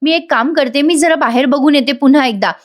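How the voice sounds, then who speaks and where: A woman voicing a lively, teasing young sister-in-law, quick and excited in a high voice. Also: close to an everyday voice. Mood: urgent.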